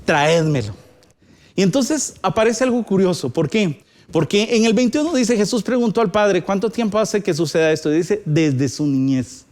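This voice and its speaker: A man with a Guatemalan Spanish accent delivers a sermon in a notably high voice. He reads scripture aloud and swings between rising and falling emphasis as he preaches. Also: lively intonation, normal speed, a little mellow. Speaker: pastor.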